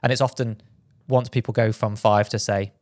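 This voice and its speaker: A British man co-hosting a running podcast in casual chat, quick and full of restarts. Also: on the low side, steady tone, darkish tone, no echo, clean studio sound. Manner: quick, with frequent restarts and fillers. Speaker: podcast co-host.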